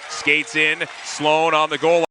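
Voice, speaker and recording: Hockey play-by-play guy, clipped and urgent, super bright forceful voice, little bit noisy. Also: fairly high pitch, completely flat delivery, slow pace. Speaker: ice hockey play-by-play commentator. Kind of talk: sports play-by-play commentary.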